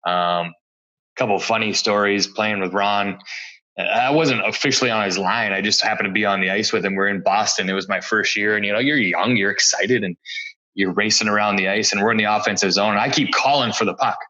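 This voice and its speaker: A man's voice: lowish voice, fairly even intonation, fairly quick, pushed and bright, highs cut off. A man in his forties, a former pro hockey player, telling easygoing anecdotes as a podcast guest. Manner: easygoing, reminiscing, chuckles between stories. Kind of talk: relaxed anecdotal interview storytelling.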